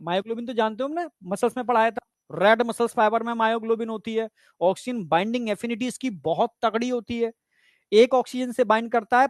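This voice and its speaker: A man's voice: very high-pitched, dry recording, clean studio sound. A man teaching a biology exam-prep lecture in a chatty way, often checking whether students follow. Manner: chatty, repeats "theek hai" often, asks students if they follow. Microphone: lapel mic.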